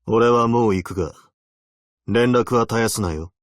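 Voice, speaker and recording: Grave and commanding, a fairly low male voice plays a weary, stern veteran abyssal hunter in Japanese video game voice lines. He speaks tersely and solemnly at an unhurried pace, lightly acted, in a dry, clean studio recording.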